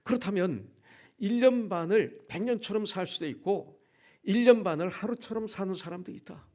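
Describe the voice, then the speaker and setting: A man in his sixties preaches in a church, telling his own story as testimony. His voice sits a little high for a man, and it rises and drops as he acts out the dialogue in the story. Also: moderate pace, a little mellow. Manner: storytelling testimony, acting out quoted dialogue with shifts in pitch and volume. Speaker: pastor. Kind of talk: sermon. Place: church sanctuary.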